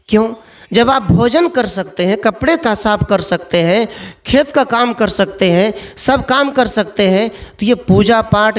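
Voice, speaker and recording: A man preaching a sermon, telling stories and firing off rhetorical questions. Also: high voice. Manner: storytelling, full of rhetorical questions.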